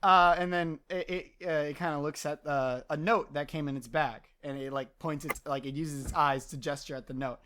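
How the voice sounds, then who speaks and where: A woman's voice: low voice, steady tone, moderate pace, hardly any pauses, a bit bright, a little hiss or hum. A woman running a tabletop game as game master, rambling and filling gaps with ums and uhs. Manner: rambling, full of ums and uhs, laughs easily.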